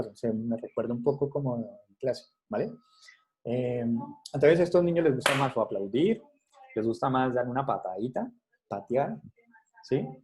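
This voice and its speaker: A man's voice: medium pitch, dark tone. A man lecturing students over a video call, explaining step by step and checking in often with short questions. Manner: explanatory, checks in with frequent "¿vale?" and "¿sí?". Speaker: instructor. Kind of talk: online class lecture.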